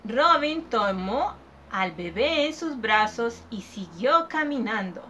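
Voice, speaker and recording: Animated woman teacher reading aloud. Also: a little high, a little hiss or hum. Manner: slow, animated storytelling. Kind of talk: reading a picture book aloud to children.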